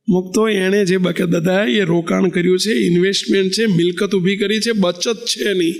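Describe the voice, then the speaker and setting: A man, a swami giving a sermon and putting animated rhetorical questions to his congregation. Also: high-pitched. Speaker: swami giving a religious discourse.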